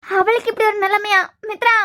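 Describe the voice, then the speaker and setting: A woman's voice: very high-pitched, fairly even intonation, a little fast, bright, forceful tone. A woman with a Kanyakumari Tamil accent voicing an overwrought young man who wails and fusses over his friend in a cartoon web series. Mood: fretting. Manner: wailing, melodramatic.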